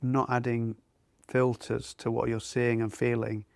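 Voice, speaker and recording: A male mindfulness teacher in easygoing conversation. He gropes a little for words as he explains. His voice is average in pitch, and the sound is dry and close. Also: monotone, a little slow, vocal fry, darkish tone, no echo. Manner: thoughtful, searching for words. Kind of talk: conversational discussion.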